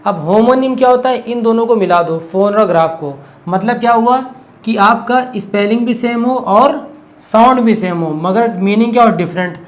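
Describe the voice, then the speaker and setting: A man's voice: sits high, moderate pace. A man teaching an exam-prep lesson, explaining step by step and asking questions he answers himself. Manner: explains step by step, keeps asking "what is it?" and answering, frequent "okay".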